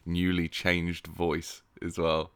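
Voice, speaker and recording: A man's voice: low-pitched, completely flat delivery, slow, clean tone, no room sound. A man making dry, sarcastic asides on a comedy podcast. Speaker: podcast co-host. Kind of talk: casual comedic chat.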